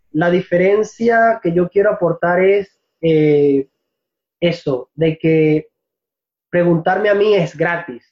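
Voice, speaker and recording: High-voiced Venezuelan man teaching Spanish. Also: slow pace, pauses often. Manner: reflective, searches for words, laughs easily. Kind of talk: casual interview answers. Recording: dull, lo-fi recording.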